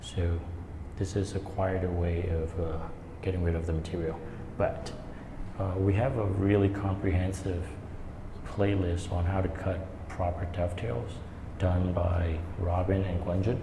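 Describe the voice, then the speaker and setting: Low-pitched man in an echoing stairwell. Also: flat delivery. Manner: casual, halting step-by-step explaining. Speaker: woodworking instructor. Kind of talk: hands-on tutorial, talking while working. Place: indoor staircase with strong echo. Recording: echoey stairwell, long reverb, background noise.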